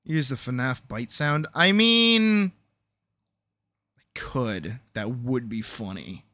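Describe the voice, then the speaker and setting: Very animated yet slow-paced, the man's medium-pitched voice sounds pushed and bright, with no room sound. Thinking aloud while editing his own animated series on a livestream, he chats casually, swears freely with sarcasm and mutters to himself at times.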